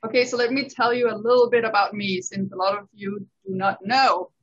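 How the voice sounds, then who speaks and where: A woman talks through her story as an interview guest, laughing often. Her voice is a bit husky and breathy, and the recording sounds muffled and lo-fi. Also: medium pitch, steady tone, a little fast. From Denmark. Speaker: tax accountant guest. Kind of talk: casual interview chat. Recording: dull lo-fi recording.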